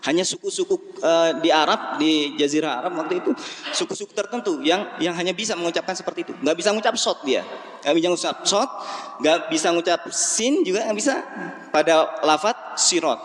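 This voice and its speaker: A man's voice: fairly high pitch, animated, a bit bright. A man with an Indonesian accent teaching Quran recitation at a dawn mosque class, speaking patiently and counting the group in before they chant. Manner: slow, patient, chants verse lines then leads the group in by counting. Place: large mosque hall. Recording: echoey mosque hall, faint music.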